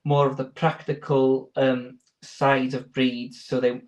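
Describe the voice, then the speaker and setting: A man's voice: mid-range voice, little pitch movement, takes it slowly, poor audio. A man giving informal interview answers as a sheepdog handler, explaining in a hesitant, rambling way.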